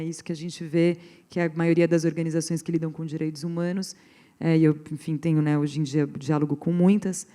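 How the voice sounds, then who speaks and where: Earnest Brazilian woman with a mellow voice. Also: low voice. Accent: Brazilian Portuguese. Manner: earnest, rambling with many restarts and fillers. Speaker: pro bono lawyer on a panel. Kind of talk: panel talk to a live audience.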